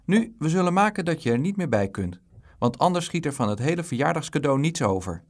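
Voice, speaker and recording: A man's voice: a little high, very animated, brisk, pitched above the performer's own voice. A man voicing a mother who scolds her son in an exasperated, reproachful way. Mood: scolding. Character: scolding mother of a greedy boy.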